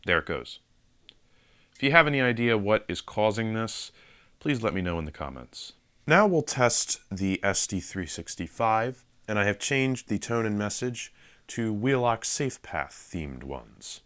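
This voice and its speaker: A man's voice: fairly low pitch, sing-song, unhurried, fairly bright tone, clear, resonant tone. A man narrating an equipment demonstration, explaining each step in a matter-of-fact, methodical way. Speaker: fire alarm system demonstrator.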